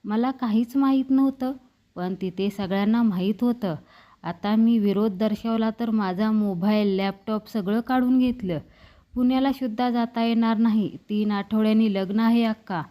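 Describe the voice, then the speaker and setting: A woman voicing a young woman who pleads tearfully and speaks a little higher than her narration. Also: fairly even intonation, moderate pace, mellow, close to an everyday voice. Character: young woman, a politician's daughter, in love and pleading.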